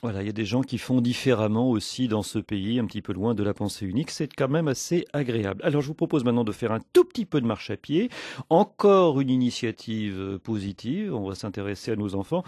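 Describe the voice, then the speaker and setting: A man's voice: medium pitch, animated, fairly quick, darkish tone, no room sound, clean studio sound. A man hosting a radio interview, asking questions and adding chatty, conversational asides. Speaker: radio host.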